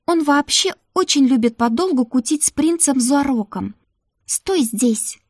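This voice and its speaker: A woman voicing a young, timid and anxious maid girl, speaking in a high, soft, fretful voice. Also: animated, measured pace, no room sound, studio quality. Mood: chatty.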